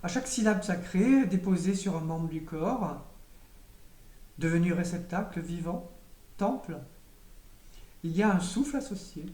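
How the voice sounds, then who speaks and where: Woman, spiritual teacher, slow meditative delivery, mellow tone, roomy echo, heard from a distance. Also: on the low side. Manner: calm, measured, meditative delivery with occasional hesitations.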